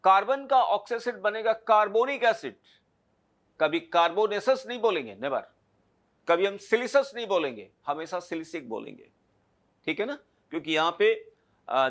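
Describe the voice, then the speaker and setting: A man's voice: high-pitched, expressive, normal speed, fairly bright tone. A man teaching a chemistry lecture, explaining step by step and checking understanding with short tag questions. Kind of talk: classroom lecture.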